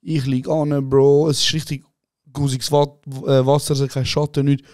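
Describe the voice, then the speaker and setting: Ein junger Mann aus der Schweiz mit Schweizerdeutschem Akzent, Co-Host eines Podcasts, der eine Ferien-Anekdote lebhaft und aufgedreht erzählt und andere Leute laut nachspielt. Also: male voice, medium pitch, normal speed, no echo, studio quality. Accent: Swiss German. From Switzerland. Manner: excited anecdote telling, acting out other people with shouts, calls the other host "Bro". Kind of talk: casual chat, animated storytelling.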